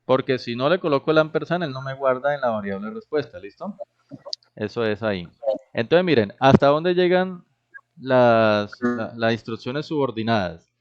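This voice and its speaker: A man's voice: mid-range voice, expressive, normal speed. A man teaching a programming class, explaining step by step and often checking that the students follow. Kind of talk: classroom lecture. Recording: dull, lo-fi recorded class.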